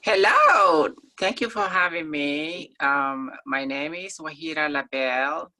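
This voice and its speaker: A woman's voice: sits low, expressive, takes it slowly, pushed and bright. A woman from Somalia, a guest in a conversational interview, talking in an earnest, thoughtful way with frequent ums.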